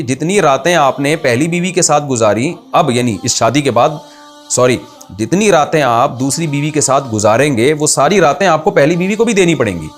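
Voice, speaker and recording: A man, an Islamic scholar, answering viewer questions in a conversational, explanatory way, with rhetorical questions and his pitch rising on emphasis. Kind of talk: religious Q&A talk.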